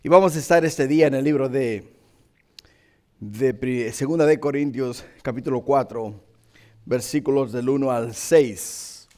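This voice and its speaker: A man with a hoarse, croaky frog voice preaching and praying as a pastor, using emphatic repetition and questions to his congregation. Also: medium pitch, measured pace, dark tone. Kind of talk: sermon with prayer and scripture reading.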